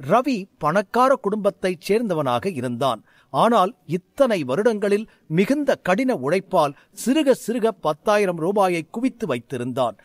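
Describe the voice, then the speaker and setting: A man narrating a scripted fantasy story in an expressive way. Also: sits high, dry recording, studio quality.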